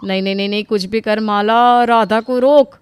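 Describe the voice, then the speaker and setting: Woman voicing a scheming young wife in an audio story, sly and loud. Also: mid-range voice, a little fast, no echo, lightly acted. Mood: panicked. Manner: sly, loud fake phone talk. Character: scheming older sister-in-law, young woman.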